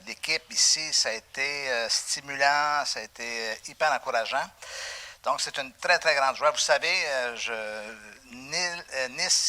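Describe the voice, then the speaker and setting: A man with a Québécois French accent preaching a sermon as pastor, animated, with frequent fillers and restarts. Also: medium pitch. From Canada. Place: church.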